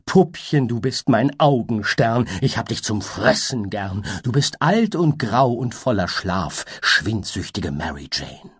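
A man voicing a flighty male butterfly minstrel in a storybook reading, high, playful and sing-song. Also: big pitch swings, unhurried, hardly any pauses, husky, exaggerated voice. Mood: giddy.

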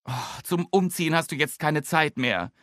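Harried young mother, frantic, high anxious voice, a man doing her in a storybook reading, dry close sound. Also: moderate pace, a bit bright, no room sound, natural voice. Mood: flustered.

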